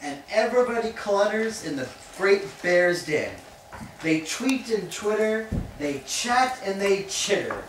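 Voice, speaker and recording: Slow-reading woman narrating a children's play. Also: medium pitch. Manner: slow, expressive storybook reading. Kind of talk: reading a picture book aloud to children. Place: home birthday party, indoors. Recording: roomy, distant home video with background noise.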